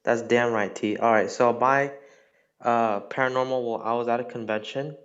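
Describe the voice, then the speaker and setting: A male caller telling the host a rambling, deadpan nonsense story. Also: medium pitch, normal speed, muffled recording.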